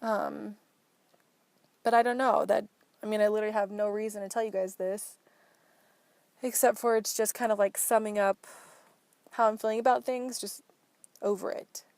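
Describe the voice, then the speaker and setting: A woman's voice: mid-range voice, steady tone, moderate pace, pauses often, darkish tone, dry recording. A young woman from Portland, Oregon, hosting a casual solo podcast from her car, telling a frustrated story in a frank, exasperated way with some swearing. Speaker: podcast host. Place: inside a parked car.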